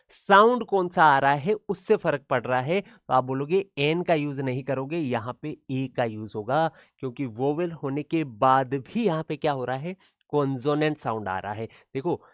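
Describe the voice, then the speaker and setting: A man teaching an exam-prep class in a slightly high voice. He keeps asking check questions and acts out his students' replies. The sound is dry and close, with no room echo. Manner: addresses students as brother, asks frequent check questions.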